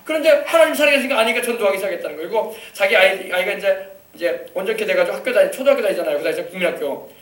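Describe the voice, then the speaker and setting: High fast-talking preacher in an echoey church. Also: male voice, expressive. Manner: storytelling, acting out quoted voices, rising to shouts of hallelujah. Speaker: pastor. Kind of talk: sermon. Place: church sanctuary. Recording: echoey church hall, mic at a distance.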